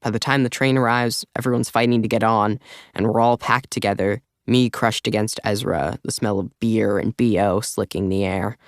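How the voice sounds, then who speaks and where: A man's voice: on the low side, fairly even intonation, moderate pace, no room sound. A man narrating an audiobook in first person, with a casual, wry, confiding manner, on a close studio mic.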